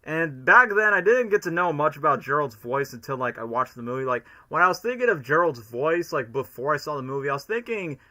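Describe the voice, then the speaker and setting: A man's voice: on the high side, lively intonation, fairly quick, few pauses, pushed and bright. A man giving casual, chatty reaction commentary as a streamer. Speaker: streamer, cosplayer.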